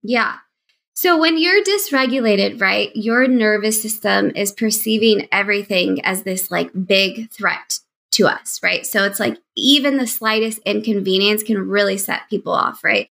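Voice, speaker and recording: A woman's voice: medium pitch, unhurried, vocal fry, fairly bright tone. A woman podcast guest and mind-body coach, talking conversationally on a call from home and animatedly acting out her past self in quoted asides. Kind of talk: conversational interview.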